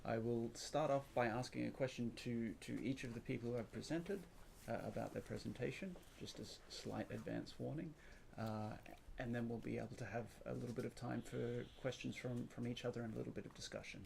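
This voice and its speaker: A man's voice: mid-range voice, fairly even intonation, fairly quick, creaky, a little mellow, a little hiss or hum. A man moderating a panel discussion, hesitant and repeating words.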